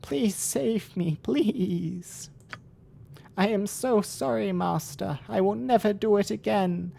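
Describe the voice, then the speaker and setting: A man voicing a frightened, pleading servant creature from a fantasy game, with a quavering, bleating goat-like voice and drawn-out words. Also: high-pitched, gravelly, mellow, pitched above the performer's own voice, full character voice. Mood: remorseful, begging.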